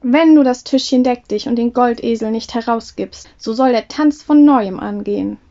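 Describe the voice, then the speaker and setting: A confident young male craftsman speaks up earnestly and a little grandly, as a woman reading a fairy tale puts him on. The voice is mellow and sits somewhat high. The recording sounds dull and lo-fi. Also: animated, moderate pace.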